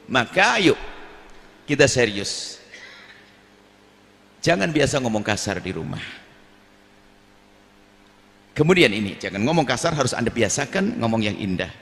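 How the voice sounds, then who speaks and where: A man preaching a sermon on family life, animated, now and then acting out quarrelling relatives in a raised voice. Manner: animated, acts out quarrelling family members in a high voice. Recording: long hall reverb.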